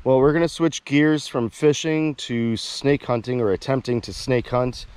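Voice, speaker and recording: A man in his thirties hosting a casual outdoor vlog on a dark rural road at night, chatty and excited, talking to the snakes he finds. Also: mid-range voice, normal speed, smooth, no echo. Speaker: fishing channel host. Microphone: action camera. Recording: noisy outdoor camera audio.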